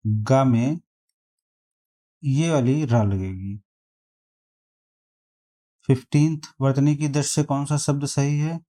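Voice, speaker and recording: A man teaching a spelling lesson, reading out quiz options and repeating each word slowly to compare them. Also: on the high side, mellow. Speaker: exam prep teacher.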